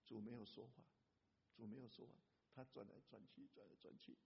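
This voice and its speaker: A man pastor preaching a sermon in an animated way, breaking into a hymn at times. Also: medium pitch, fairly quick, vocal fry, slightly rough. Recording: lo-fi church hall reverb.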